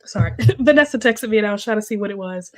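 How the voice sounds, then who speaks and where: A young woman hosting a casual livestream talks fast in a medium-pitched voice, using a desk mic at home. Her chatter is full of fillers as she reads and reacts to viewer comments, and she sounds congested with a little cough, still recovering from being sick.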